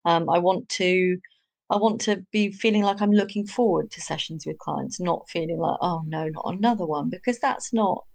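A woman in her thirties, a psychologist guest on a podcast, talking gently and candidly. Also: lowish voice, normal speed, gravelly. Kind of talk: podcast interview.

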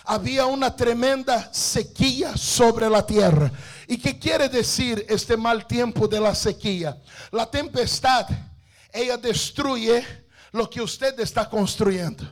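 Fervent high-voiced male preacher. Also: slow. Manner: fervent, shouted declarations with call-and-response. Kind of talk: sermon.

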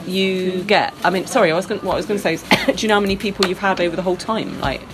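A woman's voice: on the low side, steady tone, rapid-fire, heavy background noise. A woman hosting an informal chat on location, speaking in a hesitant, rambling way. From Bristol, England. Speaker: interviewer, host.

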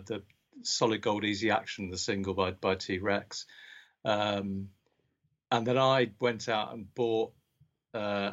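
A man's voice: lowish voice, a bit bright. A man in his sixties with a southern English home counties accent, chatting casually and reminiscing, often repeating words as he starts a sentence. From born in Scotland, grew up in Berkshire, England. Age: 60s. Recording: dull, muffled lo-fi sound.

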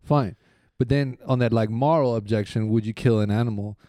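A man's voice: mid-range voice, mellow, no room sound, studio quality. A man from Africa co-hosting a podcast, blunt and profane in casual chat. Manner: blunt, profane, quick to laugh. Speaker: podcast co-host.

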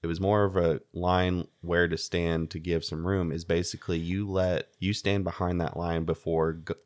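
Young american guy chatting on a podcast, really low voice, stops and restarts a lot, kinda jokey. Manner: halting, jokey, often restarts and repeats himself. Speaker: podcast co-host. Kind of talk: casual podcast chat. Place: home studio in a house.

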